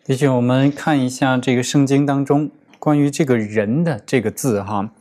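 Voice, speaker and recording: A man's voice: mid-range voice, fairly even intonation, moderate pace, a little mellow. Man reading Bible verses steadily. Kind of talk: reading and explaining scripture.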